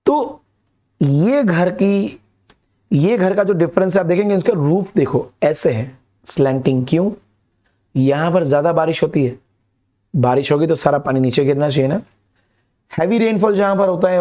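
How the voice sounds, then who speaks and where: A man's voice: a little high, warm tone. A young man explains a lesson to students directly and mixes English words into his talk. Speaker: teacher. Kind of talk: animated classroom lesson.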